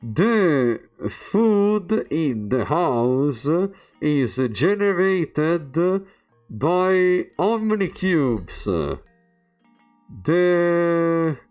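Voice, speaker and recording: Man playing a halting, higher-pitched teacher reading reversed text. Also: expressive, darkish tone, smooth, soft background music. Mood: halting lecturing. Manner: halting, stumbling word by word while deciphering reversed text. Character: formal schoolteacher lecturing a class in a video game. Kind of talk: reading game dialogue aloud.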